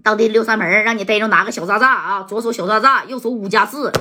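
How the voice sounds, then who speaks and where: A woman telling a gangster story in a casual, lively way, mimicking bangs and crashes and acting out the characters' shouts. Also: medium pitch, fast, slight background noise. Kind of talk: colloquial gangster-tale storytelling.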